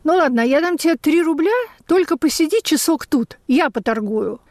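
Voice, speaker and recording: A woman's voice: sits high, expressive, moderate pace, no room sound, clean studio sound, pitched above the performer's own voice. A woman reading a teasing young joker posing as a fruit seller. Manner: teasing, mock-polite.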